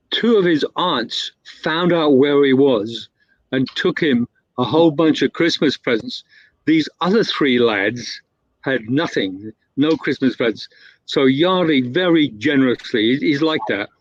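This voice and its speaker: With a mid-range voice, a man tells a drawn-out anecdote as a guest, rambling casually and repeatedly restarting or correcting himself amid many fillers. The recording is lo-fi, dull and dry.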